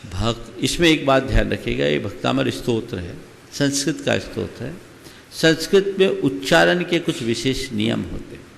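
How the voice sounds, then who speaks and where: A man giving a slow, deliberate religious discourse to an audience, explaining and asking them questions. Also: mid-range voice, lively intonation, vocal fry, big-room sound, slight background noise. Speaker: Jain monk giving a discourse. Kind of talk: sermon.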